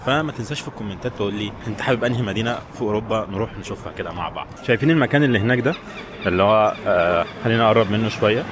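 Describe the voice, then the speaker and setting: Egyptian travel vlogger, male, rapid-fire chatty delivery, mid-range voice, city crowd behind, handheld camera mic outdoors. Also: lowish voice. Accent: Egyptian Arabic. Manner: chatty, addresses viewers directly, teasing questions. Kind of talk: walking travel vlog.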